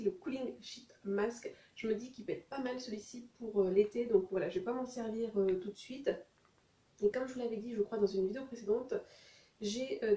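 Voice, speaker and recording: A woman's voice: mid-range voice, warm tone, reverberant, far from the mic. A woman talking casually and hesitantly through a beauty haul, with many fillers. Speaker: beauty vlogger.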